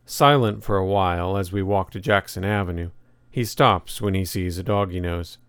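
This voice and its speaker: Deep-voiced man narrating an audiobook. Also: normal speed, clean tone, no room sound.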